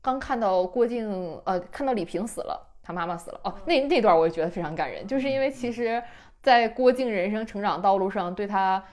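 A woman chatting casually about novels, expressive and animated as she talks. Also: medium pitch, brisk. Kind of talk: casual book chat.

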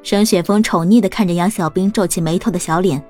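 A woman narrating a storybook in a calm, even reading voice. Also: fairly low pitch, quick pace, soft background music. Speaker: audiobook narrator.

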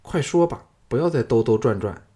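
A man with a husky voice reading a proud, sharp-tongued young noblewoman in an audiobook, with teasing, haughty retorts. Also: medium pitch, expressive, fairly quick. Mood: exasperated. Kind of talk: audiobook character voice.

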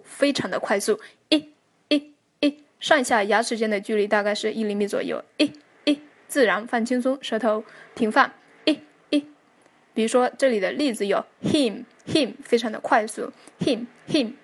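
Woman teacher going slow over english sounds, kinda high voice, patient. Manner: slow, careful drilling of pronunciation. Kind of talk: spoken English lesson.

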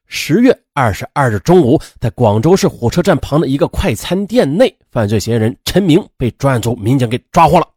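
A man's voice: mid-range voice, big pitch swings, fairly quick, hardly any pauses, a little mellow, slightly rough, no room sound, studio quality. A man narrating a true crime story in a dramatic, emphatic, explanatory way, with conversational asides.

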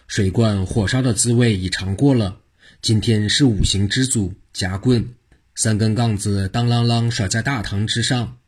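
Husky low-voiced male storyteller. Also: moderate pace. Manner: lively rhythmic telling in short phrases. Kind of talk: traditional storytelling narration.

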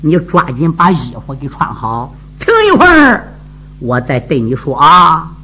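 A man's voice: fairly high pitch, big pitch swings, measured pace, bright, forceful tone, slightly rough, pitched below the performer's own voice, heavily acted. A male storyteller voicing an earnest young male swordsman who speaks in an urgent, sincere way. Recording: dull lo-fi with music.

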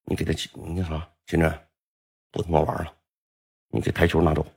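A man's voice: extremely low pitch, completely flat delivery, fairly quick, a little mellow, pitched below the performer's own voice, full character voice. A man voicing a drunk teenage bully who growls threats and curses. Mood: threatening. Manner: gruff, threatening, cursing.

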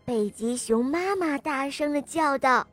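Reading a scripted storybook tale expressively for small listeners, a woman speaks in a high, animated voice at a slightly slow pace. Music plays under her voice.

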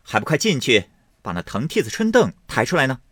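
Sharp young mistress, put on by a male reader, scolding, bossy, lively, audiobook storytelling. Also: medium pitch, slightly rough, no echo, clean studio sound, pitched above the performer's own voice, exaggerated voice. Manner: scolding servants briskly. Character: sharp-tongued young household manageress.

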